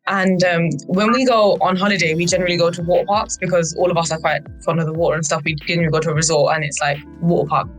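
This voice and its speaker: A young British woman on a youth board podcast tells personal anecdotes in an animated, chatty way, quoting people in acted voices and dropping "like" and "right?" everywhere. Her fairly low voice races along with hardly any pauses over faint music.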